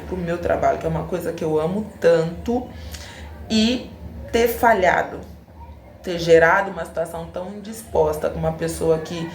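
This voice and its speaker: A woman's voice: sits low, vocal fry, a little mellow. A Brazilian woman in her forties from São Paulo telling a personal story in a casual, emotional and reflective way, acting out the dialogue. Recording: echoey room.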